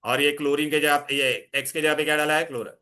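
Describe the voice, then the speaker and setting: A man's voice: a little high, fairly even intonation, quick pace, pushed and bright. A male chemistry teacher giving a classroom lecture, constantly coaxing students with questions and mixing in English terms. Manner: mixes Hindi with English terms.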